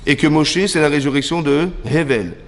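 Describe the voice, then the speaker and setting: A man from France teaching a lively religious class, acting out dialogues and quizzing his listeners. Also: fairly high pitch, moderate pace. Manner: animated, acts out dialogues, asks listeners questions. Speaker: rabbi teaching a women's class. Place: lecture hall. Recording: hall reverb.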